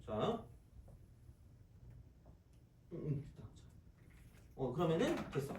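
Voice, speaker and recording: A male math teacher giving a casual, joking lecture to his students, with quick asides. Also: fairly high pitch, background noise. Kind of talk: recorded classroom math lecture. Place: classroom. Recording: echoey classroom, mic at a distance.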